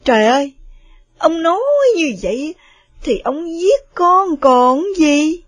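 A woman's voice: high-pitched, fairly even intonation, slow, warm tone, no room sound. A woman voicing an anguished middle-aged mother who pleads through tears. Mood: pleading. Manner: pleading, tearful.

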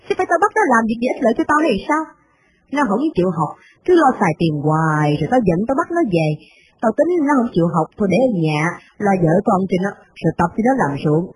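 A woman's voice: mid-range voice, sing-song, quick pace, natural voice, low-quality recording. A woman voicing a domineering old rich mother, blunt and scolding. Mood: indignant.

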